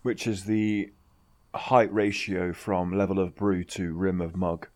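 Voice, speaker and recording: A man in casual chat, making dry deadpan quips. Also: deep voice, slow pace.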